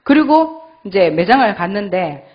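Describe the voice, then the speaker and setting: A woman's voice: medium pitch, sing-song, moderate pace. A middle-aged woman with a Gyeongsang accent, a church elder telling an emotional personal testimony and acting out her own past thoughts. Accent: Gyeongsang Korean. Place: church sanctuary. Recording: dull lo-fi church recording.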